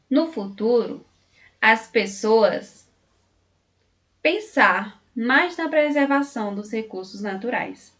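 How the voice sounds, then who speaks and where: A Brazilian woman teacher with a somewhat high voice guides young pupils through their textbook. She speaks very slowly, articulates every syllable with care and stretches out words to show how they sound. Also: a bit bright. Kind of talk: slow, clear classroom reading of textbook exercises.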